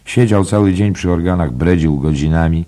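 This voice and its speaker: A man reading literary prose aloud as an audiobook narrator, slow and measured, moving between hushed and raised tones. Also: low-pitched.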